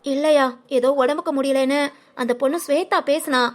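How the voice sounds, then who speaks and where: A woman voicing a fussing grandmother who scolds and coaxes in a sing-song way, for an animated family story. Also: high-pitched, fairly quick, close to an everyday voice. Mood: chatty. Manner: scolding, coaxing, sing-song village talk.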